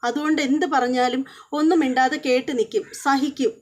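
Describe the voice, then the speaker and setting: A woman's voice: high voice, fairly even intonation, a little fast. A woman voicing a poor middle-aged mother who pleads over her daughter's mistreatment. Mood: plaintive. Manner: plaintive, pleading.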